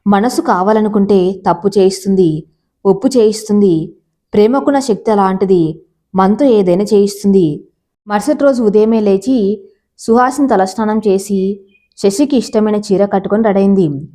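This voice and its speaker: A woman narrates a story steadily and evenly, in a scripted reading style. Her voice is mellow and dark-toned. Her pitch sits in the usual middle range for a woman. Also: moderate pace.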